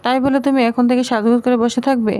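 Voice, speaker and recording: A woman's voice: fairly high pitch, fairly even intonation, fast, mellow, natural voice. A woman reading the lines of a cheeky young bride who banters with her husband in a lightly dismissive way. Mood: bantering.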